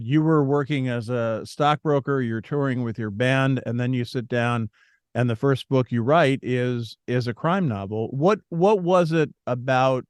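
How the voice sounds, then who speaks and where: A man's voice: medium pitch, dry recording. Man hosting a radio interview, dry sound. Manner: conversational, rising questions. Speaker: radio host.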